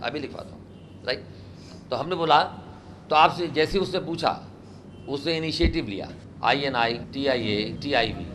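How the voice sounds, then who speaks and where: A man's voice: mid-range voice, measured pace, pauses often, a little hiss or hum. A man teaching a spoken English class, quizzing students and having them repeat words. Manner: animated, asks the class questions and has them repeat words.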